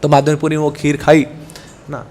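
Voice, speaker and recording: A man preaching a devotional sermon, telling a story in an animated, conversational way and asking his listeners questions. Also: a little high, a little fast. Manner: animated, conversational, asks the audience.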